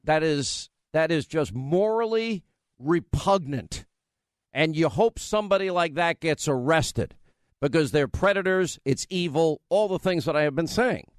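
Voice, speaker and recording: High-voiced New York talk radio man. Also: no room sound. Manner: emphatic, conversational, rambling asides. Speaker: radio talk show host. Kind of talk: political talk radio monologue.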